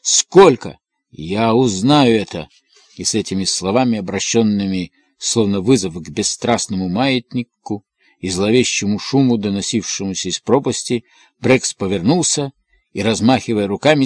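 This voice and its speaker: A man narrating a novel in a steady, measured storytelling manner. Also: fairly low pitch, dry recording, studio quality. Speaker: audiobook reader.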